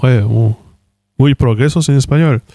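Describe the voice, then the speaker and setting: This mellow male voice, medium in pitch and normal in pace, belongs to a French streamer in his thirties who tries out languages with hesitant fillers while chatting casually. The studio-quality audio has no echo.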